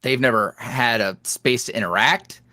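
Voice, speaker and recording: A young man who creates ASMR roleplay content chats candidly as a guest in a casual interview, speaking at a moderate pace with no echo. He's animated and candid, and his pitch jumps up when he quotes other people.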